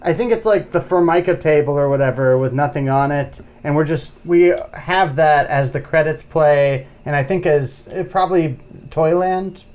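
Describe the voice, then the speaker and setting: A man co-hosting a casual film review podcast, playful, his volume swinging widely from soft to loud. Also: fairly high pitch, moderate pace. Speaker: podcast co-host.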